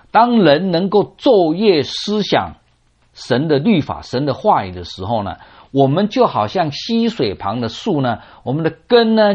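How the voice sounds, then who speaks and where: Husky, animated male preacher, lo-fi. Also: mid-range voice. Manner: asks and answers his own rhetorical questions; teaching tone with drawn-out sentence particles. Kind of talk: sermon expounding a scripture parable. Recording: dull lo-fi recording.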